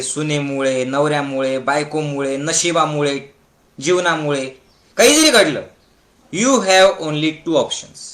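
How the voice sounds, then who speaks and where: A man giving a satsang talk in a hall with a live audience. His voice sits high and bright. He has listeners repeat his lines back and draws out the key words. The hall echoes. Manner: emphatic, drawn-out words. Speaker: spiritual teacher leading a meditation camp talk.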